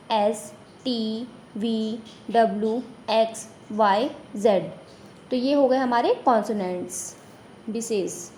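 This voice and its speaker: A woman teacher speaks slowly and deliberately in a fairly high voice. She asks her young class questions and then answers them herself. A faint hiss of noise sits behind her. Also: darkish tone. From India. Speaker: primary school teacher. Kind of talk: online classroom lesson.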